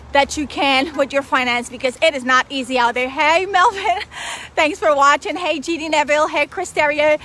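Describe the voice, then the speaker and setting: Chatty woman in her forties, high voice, vlogging live on her phone on a street with faint traffic behind. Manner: excited, chatty, lively. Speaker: financial advisor. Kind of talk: live-stream vlog. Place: city street outdoors. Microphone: phone at arm's length. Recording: faint traffic noise outdoors.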